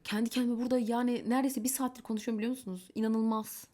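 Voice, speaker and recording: Fast-talking chatty young woman. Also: a little high, level tone, mellow. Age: young adult. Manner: chatty, candid, exasperated asides; quotes others in mimicking voices. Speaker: vlogger. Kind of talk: casual storytelling vlog.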